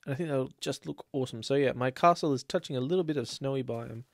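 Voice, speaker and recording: An Australian let's play host with a slight cold rambles casually while playing a building game. His mid-range, creaky voice moves at a quick pace, captured in clean studio sound with no echo.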